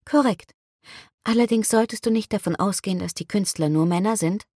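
A woman reading an audiobook, voicing a cheerful young woman who bakes cookies, lifting her voice to sound bright and eager. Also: mid-range voice, a little fast, slightly rough, no room sound, studio quality, pitched above the performer's own voice, lightly acted. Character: cheerful young petite blonde woman baker.

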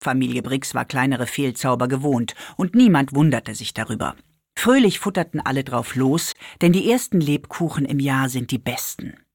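A woman reads a children's story aloud in a low voice that rises and falls a great deal. Her narration is lively and expressive. The recording is dry and close, with no room sound. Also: moderate pace, slightly rough, dry recording.

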